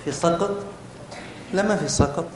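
A man's voice: moderate pace, a crowd in the background. A male teacher explaining spelling rules step by step to a class, often asking them questions. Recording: very echoey room with faint rumble.

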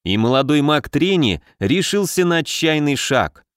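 A man's voice: a little high, very animated, unhurried, clean tone, dry recording. A man reading a fantasy novel aloud as an audiobook narrator, close to the mic.

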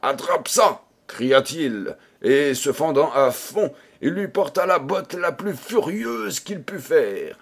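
A man reads an old fairy tale aloud at a leisurely pace, dramatizing each scene. His voice is animated, rising and falling widely to color the action of the story. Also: a little high, takes it slowly, creaky, hardly any pauses. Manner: dramatic, theatrical reading. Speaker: audiobook reader. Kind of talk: expressive storybook narration.

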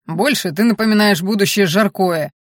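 A woman's voice: medium pitch, normal speed, no echo, studio quality, lightly acted. A woman voicing a hulking male orc chieftain who teases and guffaws in an audiobook. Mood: mocking. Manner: guffawing, teasing.

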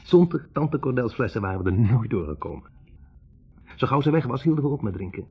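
Mid-range, animated and brisk with a breathy edge, the actor's voice portrays a young physics student looking back wryly on a troubled love. He hesitates, corrects himself and reflects through this conversational 1960s radio play monologue, preserved in a muffled old radio recording.

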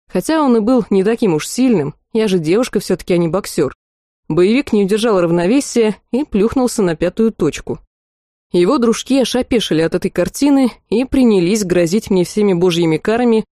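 A woman reads a first-person fantasy novel aloud with lively expression. Her voice is warm and mellow, with middle pitch. The recording is close and dry, with no room sound. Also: no echo. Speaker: audiobook narrator. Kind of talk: scripted first-person narration.

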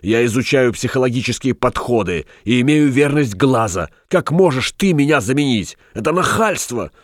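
A man's voice: on the low side, moderate pace, no room sound, clean studio sound, natural voice. A man reading a storybook voices an agitated, boastful shopkeeper in prison, talking in heated, hissing bursts. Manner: heated, hissing, rising to cries.

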